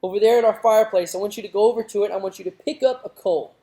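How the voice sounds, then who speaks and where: An earnest father warning his daughter, as a preacher acts him out. His voice is mellow and pleading. It echoes around a large room. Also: medium pitch, steady tone, racing, lightly acted. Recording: roomy echoing hall.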